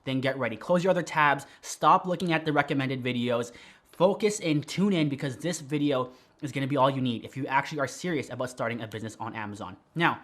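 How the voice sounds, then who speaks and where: Talking straight to camera in a fast, direct and energetic tutorial, a man explains how to start an online business. His voice is medium in pitch, and his S sounds carry a slight whistle.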